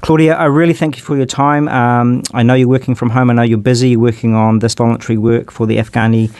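Male interviewer with New Zealand accent. Medium pitch, dry recording, wordy and appreciative delivery. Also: level tone, fast, a little mellow, clear, resonant tone, no echo. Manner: rambling, repetitive, appreciative. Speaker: radio show host. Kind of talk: conversational interview.

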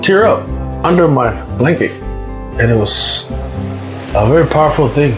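A man's voice: fairly high pitch, lively intonation, moderate pace. A Samoan man raised in California giving a candid, conversational personal testimony, often adding "you know". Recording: roomy sound with guitar music behind.

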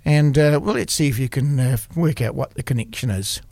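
Halting New man hosting on radio. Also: mid-range voice, a little mellow, no room sound. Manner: halting, searching for words, frequent restarts. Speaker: community radio arts show host. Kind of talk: casual radio talk about art exhibitions. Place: radio studio.

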